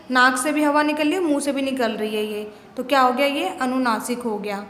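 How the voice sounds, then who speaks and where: High-voiced woman teacher in an echoey room. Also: a bit bright. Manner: asks questions and answers them herself, repeats "ठीक है ना". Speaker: school teacher. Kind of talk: classroom lesson on grammar. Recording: echoey room with long reverb, faint noise.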